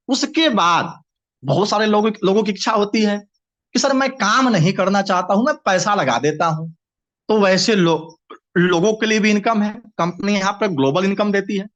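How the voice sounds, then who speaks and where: A man's voice: high-pitched, fairly bright tone. A man presenting and explaining a business plan to his audience, steadily, with frequent restarts and repeated words. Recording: dull lo-fi recording.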